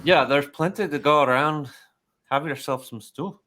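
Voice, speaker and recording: A hospitable forest woman with a put-on Scottish brogue, voiced by a man running a tabletop game. She offers food and shelter in a bright, forceful tone, teasing her guests now and then. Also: medium pitch, normal speed, lightly acted. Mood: welcoming.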